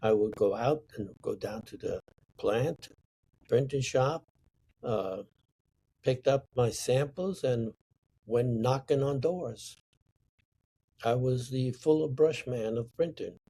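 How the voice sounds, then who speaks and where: An older artist from Sicily, Italy, appears as an interview guest, telling stories reflectively in a husky, mellow, mid-range voice. His storytelling is slow, deliberate and emphatic.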